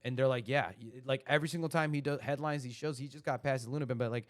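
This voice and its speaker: A man's voice: medium pitch, quick pace. A man in his thirties hosting a casual podcast chat, rambling along with lots of "like" and "you know". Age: 30s. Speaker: podcast host.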